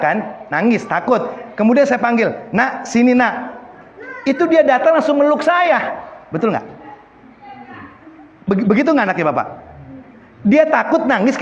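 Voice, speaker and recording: A man giving a lively religious lesson, often asking the audience questions. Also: high-pitched, slight background noise. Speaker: Islamic teacher. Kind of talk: religious study lecture. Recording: echoey hall, dull lo-fi sound.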